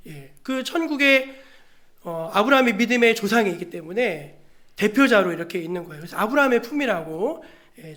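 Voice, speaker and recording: Male pastor, church sermon, high voice, emphatic, rhetorical questions. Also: a bit bright. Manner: has the congregation read scripture aloud on cue. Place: church sanctuary.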